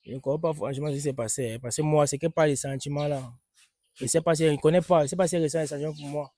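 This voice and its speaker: A man's voice: a little high, fairly even intonation, rapid-fire, dark tone, dry recording, clean studio sound, close to an everyday voice. A man playing a young man who is furious and defensive toward his cousin, repeating himself insistently in a staged street-interview skit. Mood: unsure.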